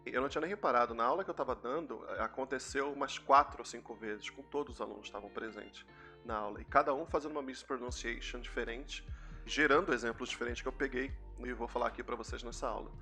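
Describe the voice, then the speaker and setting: A man's voice: medium pitch, fast, bright, forceful tone, faint music behind. A young Brazilian man with a Brazilian Portuguese accent, giving a chatty English lesson and explaining pronunciation with repeated examples. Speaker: English teacher. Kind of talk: casual YouTube English lesson.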